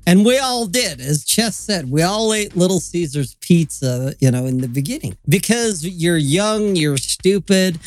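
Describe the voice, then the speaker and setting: A man's voice: high voice, expressive, measured pace, few pauses, no echo, faint music behind. A man hosting a live stream, casual and profane, laying out his point in a lecturing way.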